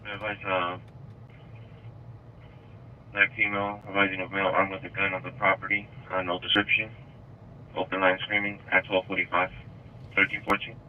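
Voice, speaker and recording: A man's voice: deep voice, level tone, moderate pace, pauses often. A man working as a police dispatcher, heard over police radio, reading out calls, unit codes and street numbers in clipped bursts. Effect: police radio scanner audio. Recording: muffled, faintly noisy radio transmission.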